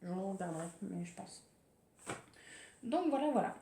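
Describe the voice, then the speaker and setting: A woman's voice: medium pitch, lively intonation, normal speed, mellow, a little hiss or hum. A French woman talking casually about her sewing projects, hesitant and full of fillers. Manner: chatty, hesitant, many fillers and restarts. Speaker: sewing vlogger. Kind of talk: casual sewing podcast chat. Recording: echoey room with faint ambience.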